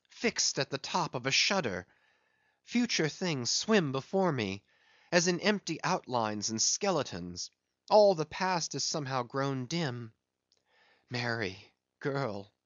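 A man voicing a grave, fearful first mate who murmurs low and breaks into urgent, high cries, on dull, dry audio. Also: a bit bright, no echo.

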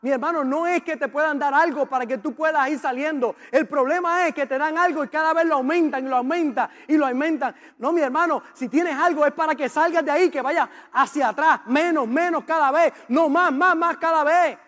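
A man's voice: very high-pitched, brisk, hardly any pauses, a bit bright. A man preaching a sermon as a pastor, impassioned and repetitive as he urges the congregation on. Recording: long reverb of a large hall.

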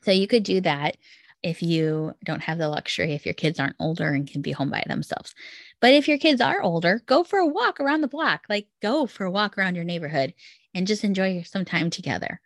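A woman's voice: fairly low pitch, lively intonation, brisk, no echo, clean studio sound. A woman in her thirties hosting a casual solo advice talk, explaining things step by step in an upbeat, tidy, encouraging way. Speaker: podcast host giving relationship advice. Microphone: close microphone, dry sound.

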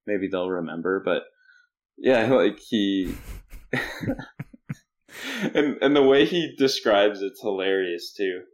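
Very low male voice, canadian guy, young adult, lively anecdote teller, chuckles a lot. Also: slow, long pauses. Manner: animated storyteller, laughs often, jumps into quoted voices. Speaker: podcast guest. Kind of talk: casual storytelling interview.

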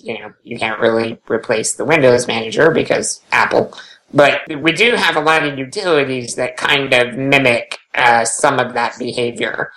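A man's voice: medium pitch, pushed and bright, rough recording. Matter-of-fact man on a podcast. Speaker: podcast panelist. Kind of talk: casual podcast chat.

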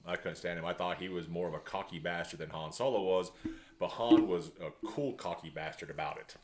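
A man's voice: low voice, brisk, darkish tone. A man co-hosting a casual podcast chat, blunt and emphatic, swearing freely while giving his opinions. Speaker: podcast co-host.

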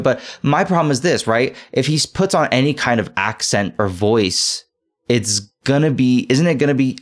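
A young man hosting a podcast, rambling through casual commentary with many fillers and restarts. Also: mid-range voice. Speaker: podcast host.

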